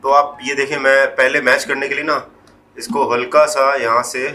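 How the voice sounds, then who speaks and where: A man explains Photoshop in a screen recording, taking each step slowly, blending English words into Hindi and often letting his voice drop away quietly. His mid-range voice shows little pitch movement, and a faint hiss or hum runs underneath.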